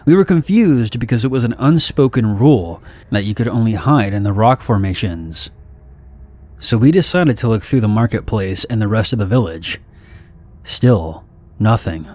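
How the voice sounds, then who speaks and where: A man with a fairly low voice reads first-person horror stories aloud, his narration steady, measured and somber.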